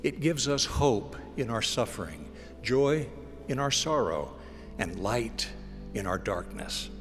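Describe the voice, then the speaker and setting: A middle-aged man giving a scripted inspirational message at a lectern mic, with a slow, measured, gentle delivery. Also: mid-range voice, sing-song. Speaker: broadcast inspirational speaker. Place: indoor stage with flowers. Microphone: stand mic on lectern. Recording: long hall reverb with soft music. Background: soft music.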